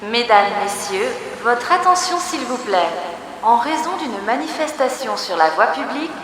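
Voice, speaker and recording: A woman's voice: on the high side, very animated, a little hiss or hum. Woman announcing over a station PA. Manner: measured, formal delivery. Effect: over a PA system in a station. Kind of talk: formal public announcement. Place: metro station. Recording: echoey, distant station loudspeaker.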